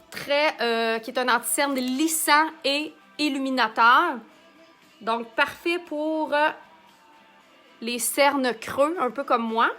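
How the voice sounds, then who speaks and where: A woman's voice: high voice, a bit bright. A woman with a Québécois accent hosting a live makeup demonstration, chatting and answering viewer comments as she works. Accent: Québécois French.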